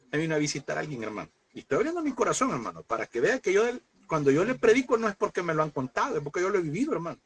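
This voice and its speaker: A man's voice: a little high, very animated, fast talker, slight background noise. A man, a pastor preaching a lesson, telling a personal story and fervently calling his listeners brother.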